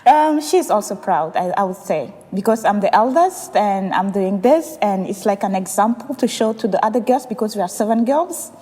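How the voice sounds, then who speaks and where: A woman's voice: mid-range voice, animated, moderate pace, hardly any pauses, mellow. A young woman from Chad, a field engineer, answering interview questions, laughing often and saying "like" a lot. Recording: reverberant room.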